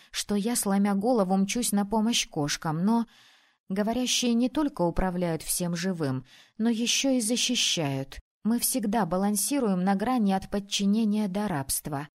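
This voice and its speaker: A woman's voice: mid-range voice, normal speed. A woman narrating a first-person fantasy audiobook expressively, turning stern for the heroine's lines. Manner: expressive, switching to stern when speaking as the heroine.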